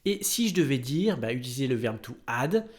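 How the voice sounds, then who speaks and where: French teacher spelling out words. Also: male voice, medium pitch, sing-song, a little fast. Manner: patient, spells out words letter by letter. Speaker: English teacher. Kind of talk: explaining a lesson.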